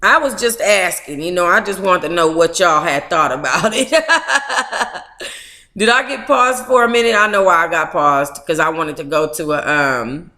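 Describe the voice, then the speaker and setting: A middle-aged woman hosts a book club livestream, chatting candidly and reading aloud with colloquial asides. Her voice sits on the low side, pushed and bright, with lively intonation and a measured pace. The room sounds roomy and echoing.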